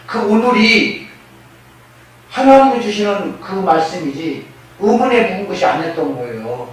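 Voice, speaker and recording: A man's voice: high voice, lively intonation, normal speed. A man preaching a sermon as pastor, who keeps asking his congregation rhetorical questions and acts out quoted speakers. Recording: echoey hall, mic at a distance, faint noise.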